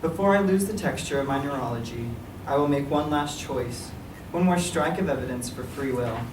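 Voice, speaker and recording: The writer, a man with a mid-range voice, reads his verse monologue in a solemn, measured way at a public library reading ahead of a live event. Echo and clear noise fill the recording from the far-off mic.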